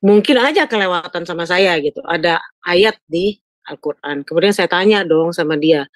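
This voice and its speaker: A lower-pitched, expressive older woman speaks at normal speed, recorded in studio quality without echo. Calling a pastor, she casually recounts a personal story, keeps turning to him for agreement, and peppers her talk with "Pak, ya."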